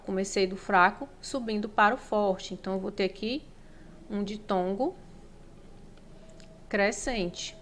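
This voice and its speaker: A woman's voice: mid-range voice, a bit bright. A woman with a Brazilian accent teaching Portuguese grammar for exam prep, explaining step by step and checking in often with the listener. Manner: explanatory, frequent "né?" and "ó" check-ins.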